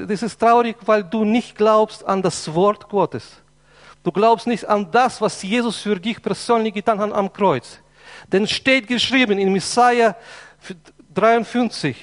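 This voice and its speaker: High-voiced man preaching in a hall. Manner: impassioned, emphatic preaching with repetitions. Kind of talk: sermon. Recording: long hall reverb.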